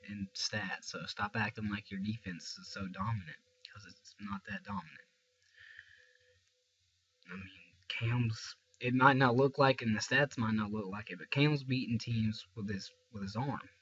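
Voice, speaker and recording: Heard through a dull lo-fi recording, a young sports fan vlogger gives a rambling, frank fan rant to camera about a game, often restarting. His stuffy, tired voice is lowish, a bit bright and husky, and he sounds congested.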